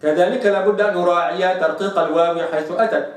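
A man teaching Quran recitation rules, slowly sounding out each example word. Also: sits high, fairly even intonation. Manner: slow demonstrative pronunciation of examples. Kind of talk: tajweed lesson with recited examples. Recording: very echoey room, mic at a distance.

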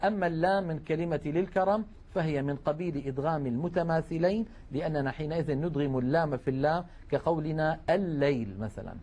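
Patient male tajweed teacher, slightly high voice. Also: quick pace, few pauses, darkish tone. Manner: patient, explanatory, with frequent hesitations. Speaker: Quran recitation teacher. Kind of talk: broadcast lesson on tajweed.

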